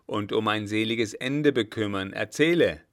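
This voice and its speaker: A man voicing a blustering, gruff old field marshal who bellows brusquely. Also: on the low side, moderate pace, natural voice.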